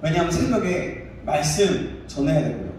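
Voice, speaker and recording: A male pastor in his thirties preaching a sermon and telling a personal story with animated delivery. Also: on the high side, normal speed. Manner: animated storytelling, acts out his own shouting. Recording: echoey room, distant mic, faint noise.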